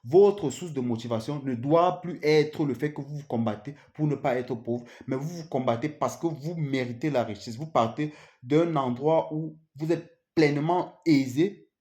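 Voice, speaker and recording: A man's voice: on the high side, moderate pace, dark tone. A man giving an unscripted motivational talk, speaking earnestly to the listener, often asking "you see?" and restarting his sentences. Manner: earnest, repeats "vous voyez?", restarts and stammers.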